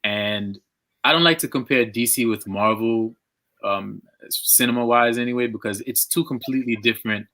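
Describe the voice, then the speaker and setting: A man chatting excitedly with fellow artists on a live video call, gushing and laughing as he talks. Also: mid-range voice, normal speed. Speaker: diorama artist on a live panel. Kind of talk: casual chat.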